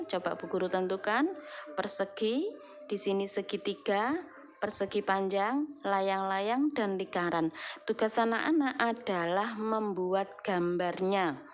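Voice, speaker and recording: A middle-aged woman teacher from Indonesia walks young pupils through a recorded lesson. Her voice sits at an ordinary middle pitch, and she explains things slowly, repeating points and checking in with the children as she goes. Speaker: primary school teacher.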